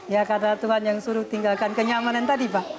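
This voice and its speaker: A woman's voice: medium pitch, flat delivery, fast, crowd noise. A woman, a missionary who cares for schoolchildren, gives an emotional personal testimony in an interview, speaking earnestly and politely. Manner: earnest, often adds a polite "sir" to her sentences. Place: remote rural area.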